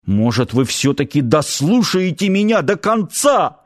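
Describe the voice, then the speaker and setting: A man voicing a blunt, stubborn young Saami man in an audiobook, his lines raised in pitch and often shouted. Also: unhurried, natural voice. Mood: furious shouting. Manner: pleading then shouting angrily. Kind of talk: audiobook character voice.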